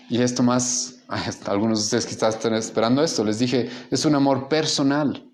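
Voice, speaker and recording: A man preaching a sermon as pastor, impassioned and rising in volume for emphasis. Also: medium pitch.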